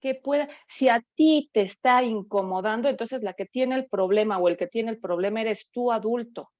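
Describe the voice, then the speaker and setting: A woman's voice: on the high side, moderate pace, darkish tone, dry recording. A woman giving a workshop talk on grief, conversational, with frequent fillers and tag questions. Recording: dull, dry sound.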